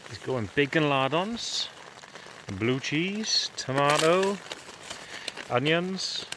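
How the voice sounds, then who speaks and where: A man's voice: fairly high pitch, expressive, drawn-out words. British man vlogging casually outdoors, noisy recording. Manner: informal, colloquial, off-the-cuff. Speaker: camping vlogger. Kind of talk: casual outdoor vlog chat. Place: outdoors in farmland and woods.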